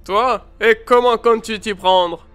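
A woman voicing a gruff, fuming male ship captain in a fantasy audiobook, pitching her voice lower. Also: a little slow, a bit bright. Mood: angry. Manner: swearing, fuming.

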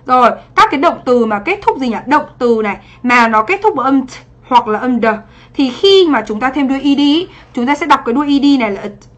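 A woman's voice: high voice, lively intonation, quick pace, lo-fi sound. A woman teacher running a livestream exam review, greeting viewers by name and checking after each point whether they follow. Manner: chatty, asks for confirmation after each point. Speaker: English teacher.

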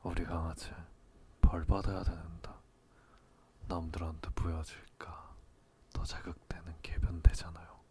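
A man playing a teasing, possessive, dominant lover in a whispered role-play, murmuring slowly and switching between coaxing and commanding. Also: sits low, flat delivery, darkish tone.

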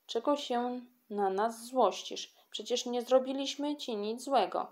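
A woman voicing a calm, bold young schoolgirl who answers plainly in a storybook reading. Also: fairly high pitch, measured pace, voice pushed up, close to an everyday voice. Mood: firm. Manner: plain and firm.

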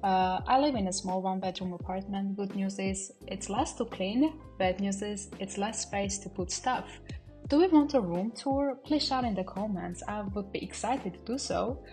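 A young Armenian vlogger in her mid-twenties tidies her small apartment while chatting casually to the camera, a little nervous and reflective. Her medium-pitched voice is warm, at a normal speed, with faint music behind. The camera is on a stand some distance from her.

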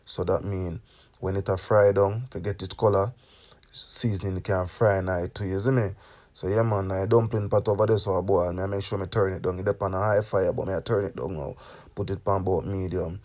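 Jamaican man, young adult, fairly low voice, casual cooking talk, home kitchen, phone camera. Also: fairly even intonation, fairly quick, a little mellow. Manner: chatty, keeps asking "you get me?". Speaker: cooking channel host.

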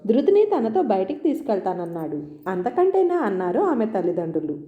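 A woman narrating a scripted story in an even, measured way. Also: mid-range voice. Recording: roomy, dull lo-fi sound.

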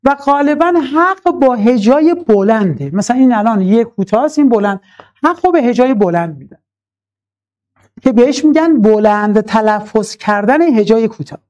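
A man teaching an online class, explaining step by step, repeating key terms and slowly chanting lines of verse as examples. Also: very high voice, expressive, highs cut off. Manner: addresses students warmly as dear ones.

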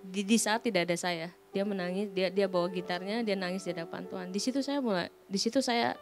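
A woman guest, sharing an earnest personal testimony in a halting way, with many restarts. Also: mid-range voice. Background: soft guitar music.

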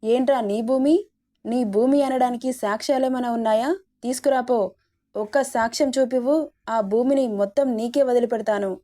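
A woman's voice: on the high side, steady tone, a little fast, warm tone, lightly acted. A woman voicing an arrogant young man, a neighbor's son, talking in a mocking way.

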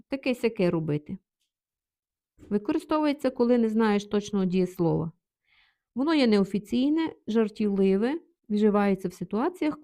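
A woman's voice: medium pitch, dark tone. A woman teaching a language lesson, reading example phrases and translating each one in turn. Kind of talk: explaining vocabulary with examples.

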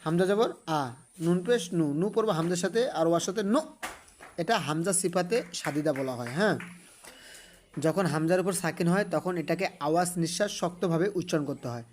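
A man teaching Quran reading. He spells each letter and vowel mark slowly, then draws out the blended syllables in a recitation tone. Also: sits high, darkish tone, a little hiss or hum.

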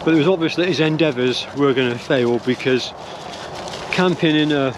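At a normal speed and in a slightly high voice, an older English vlogger rambles about his opinions while walking his dogs through woodland. He is musing and hesitant, full of restarts and fillers. The phone or camera is held close at arm's length, and the background is noisy.

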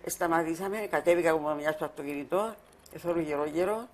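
An older woman with a Cypriot Greek accent, the mother of a fallen soldier, gives testimony in a documentary interview. Her low-pitched, slightly mellow voice is halting, and she repeats words while recalling.

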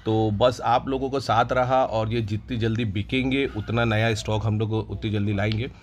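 Low-voiced man on a relaxed farm tour. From India. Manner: relaxed, unhurried, with frequent hesitations. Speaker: goat farm owner showing stock. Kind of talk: casual promotional farm tour. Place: outdoor goat farm yard at night.

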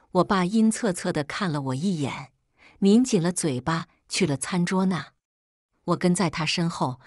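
A woman's voice: fairly low pitch, dry recording, clean studio sound. A woman reading a family drama aloud as a scripted first-person narration, telling it expressively. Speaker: storyteller.

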